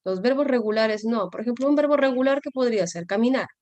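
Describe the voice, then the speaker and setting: Higher-pitched woman teaching, dry close sound. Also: fast, a little mellow, no echo, lo-fi sound. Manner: explains patiently, checks often with "¿sí?" and "¿no?". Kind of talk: online class lecture.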